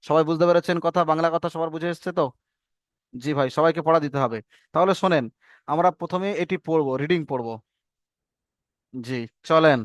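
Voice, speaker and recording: A man's voice: a little high, fairly quick, pauses often, no echo. A man with a Bengali accent teaching an online class over a video call, patient, repeating drills and asking the class to answer together. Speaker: Quran reading teacher. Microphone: video call microphone.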